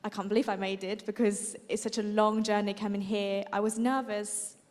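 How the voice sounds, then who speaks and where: A woman from Myanmar speaks on a student panel. She talks hesitantly, filling pauses with ums. Her voice echoes in a large hall. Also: mid-range voice, flat delivery. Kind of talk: panel answers.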